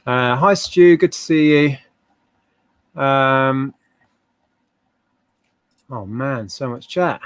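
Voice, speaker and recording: British guy hosting a casual livestream, mid pitch, no room echo. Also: very slow, pauses often. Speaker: host. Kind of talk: casual live-stream chat.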